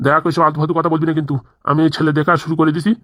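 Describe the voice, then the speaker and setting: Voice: medium pitch, flat delivery, rapid-fire, a bit bright, dry recording, close to an everyday voice. A voice actor playing a grumbling, self-pitying village grandfather in a cartoon comedy, with a stammering, rustic way of talking. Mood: scolding. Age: older. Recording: dry close studio voice.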